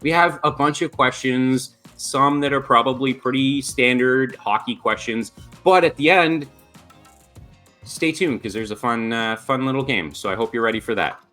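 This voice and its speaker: A man's voice: medium pitch, normal speed, sharp tone, soft background music. A man hosting a podcast interview, upbeat and chatty, often restarting his sentences as he rambles toward his questions. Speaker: podcast host.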